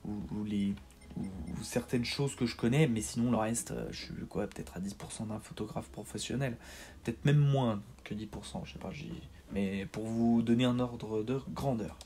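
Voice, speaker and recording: A man's voice: fairly low pitch, normal speed, warm tone. Hesitant man narrating a game tutorial. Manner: hesitant, filler-heavy, repeats words; self-deprecating. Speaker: gaming tutorial host. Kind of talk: casual screen-capture tutorial voice-over.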